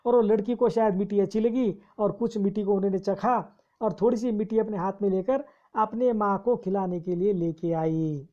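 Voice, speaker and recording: A woman teaching a poem, reciting its lines slowly and then explaining each one. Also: mid-range voice, muffled recording. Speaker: Hindi literature teacher.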